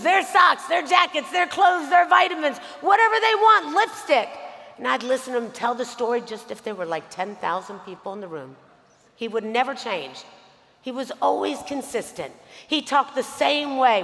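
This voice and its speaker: Bright, high-voiced woman speaking on stage. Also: big-room sound. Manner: animated storytelling, addresses the audience directly. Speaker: motivational speaker. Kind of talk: motivational stage speech.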